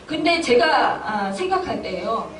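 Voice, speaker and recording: A woman's voice: a little high, big pitch swings, measured pace, slight background noise. A woman pastor delivering a Sunday sermon, earnest and emotional, often acting out her own inner voice with rising exclamations. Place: church hall. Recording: echoey church from a distant mic.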